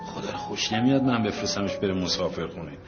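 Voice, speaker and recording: A man's voice: low voice, expressive, dull audio, loud music behind the voice. An actor playing a harried middle-aged father who is effusively polite and pleading with his family. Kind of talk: comedy film acting.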